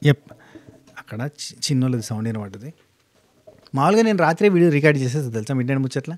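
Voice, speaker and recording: A man, casually recapping a reality show in an animated monologue with quick restarts. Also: medium pitch. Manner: rapid, animated retelling with frequent restarts.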